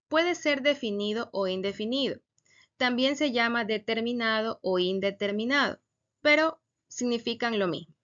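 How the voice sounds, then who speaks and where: Bright-voiced woman teaching a grammar lesson. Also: on the high side, muffled recording. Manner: slow, deliberate, stresses example words. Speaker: Spanish teacher.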